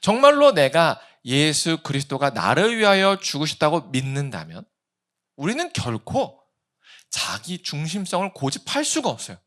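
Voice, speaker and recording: Male pastor, 30s, sermon; raised voice, very expressive pitch, rhetorical questions. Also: normal speed. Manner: animated preaching with acted-out quotes and rhetorical questions.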